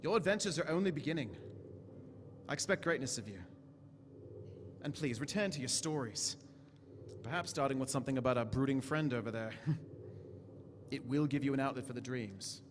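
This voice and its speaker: An actor playing an eccentric, commanding but kindly alien time-traveller in a theatrical audio drama, speaking with grand declamation. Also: male voice, mid-range voice, animated, fairly quick, long pauses, noisy background, close to an everyday voice. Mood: warm, encouraging. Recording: echoey stage hall with music.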